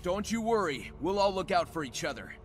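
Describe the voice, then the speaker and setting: A man's voice: sits high, sing-song, brisk, soft background music. A man voicing a cocky, easygoing young hedgehog hero in a video game, breezy and confident with an American accent. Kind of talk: video game cutscene acting.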